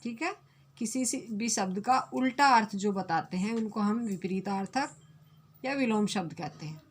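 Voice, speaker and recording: A woman's voice: medium pitch, lively intonation, normal speed, slightly rough. A woman, a Hindi teacher, giving an online grammar lesson to young pupils and repeating each definition.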